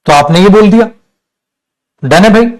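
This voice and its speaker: A man's voice: high-pitched, normal speed, a little mellow. A man teaching an exam-prep lesson, casual and teacherly, mixing English terms into his explanations and calling his students beta.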